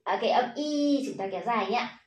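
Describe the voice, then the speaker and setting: A fairly high-voiced young woman with a Vietnamese accent leads children through pronunciation drills, saying words slowly and praising each try. Her voice rings in an echoey room. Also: darkish tone. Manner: encouraging, says "ok, very good" often, drills words slowly. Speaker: English pronunciation teacher. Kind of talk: teaching children pronunciation with call-and-response drills.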